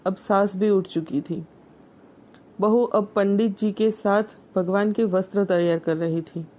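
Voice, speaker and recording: A woman host narrating a family story in an even, gentle storytelling manner. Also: medium pitch, measured pace.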